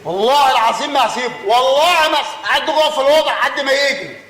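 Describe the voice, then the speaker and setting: A man's voice: extremely high pitch, racing. An actor with an Egyptian accent playing a broke, hot-tempered father in a stage comedy. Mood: furious. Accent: Egyptian Arabic. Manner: loud and exasperated. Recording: roomy stage sound.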